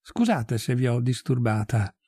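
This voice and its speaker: A man's voice: mid-range voice, huge pitch swings, unhurried, warm tone, husky, no room sound, clean studio sound, full character voice. A man voicing a gushing pious society lady. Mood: solemn. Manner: effusive and fussy, turning cold and solemn.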